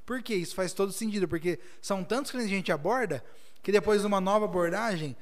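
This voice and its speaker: A man's voice: sits high, fast. A man co-hosting a casual business podcast, talking emphatically with slang. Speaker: podcast co-host.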